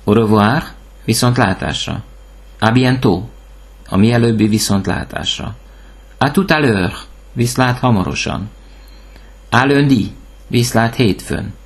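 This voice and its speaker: A man teaching a language lesson, reading words and their translations one by one with short pauses. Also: medium pitch, husky. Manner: reads word lists, pausing after each item. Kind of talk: slow, clear language lesson.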